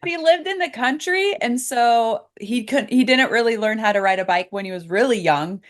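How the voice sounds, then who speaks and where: A woman's voice: on the high side, animated, moderate pace. A woman, a coach and speaker guest on a podcast, chatting cheerfully. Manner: cheerful, laughs often. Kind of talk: casual interview chat.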